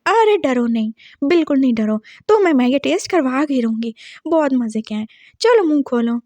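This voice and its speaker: A sweet-talking, sly young woman coaxes and wheedles in a high, bright voice, as a woman storyteller acts her out. She is a figure in a told drama story, recorded dry and close. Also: lively intonation, brisk, dry recording. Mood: coaxing. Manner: coaxing, overly sweet.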